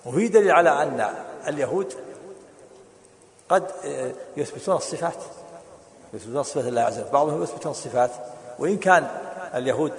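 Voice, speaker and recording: A man teaching a classical religious text, explaining it quickly, repeating words and correcting his reader. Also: on the high side. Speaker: teacher of hadith. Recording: echoey hall.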